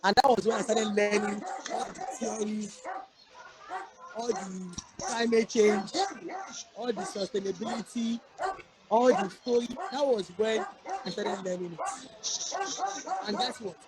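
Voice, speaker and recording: A woman's voice: mid-range voice, unhurried, long pauses, crowd noise, low-quality recording. A woman with a Nigerian accent speaking earnestly on a video call, her audio fading faint and dropping out. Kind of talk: storytelling talk to an online class.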